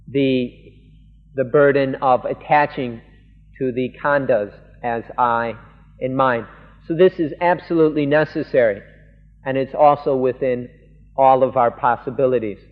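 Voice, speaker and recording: A man, a monk, interpreting a Buddhist sermon live, speaking earnestly in halting phrases. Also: mid-range voice. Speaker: monk interpreter of a Dhamma talk. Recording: lo-fi 1980s tape in a reverberant hall.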